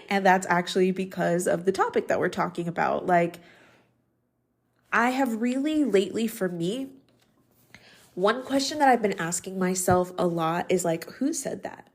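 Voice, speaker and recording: A woman's voice: medium pitch, measured pace, pauses often. 30s woman rambling on her podcast, chatty and thoughtful, lots of um and like. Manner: chatty and reflective, with many ums and likes. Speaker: podcast host. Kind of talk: casual solo podcast talk.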